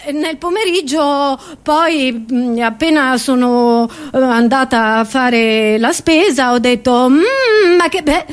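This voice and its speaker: A woman with a high voice speaks slowly, performing a theatrical comic monologue for an audience. She comes across as scatterbrained and exclamatory, frequently breaking off and repeating her words.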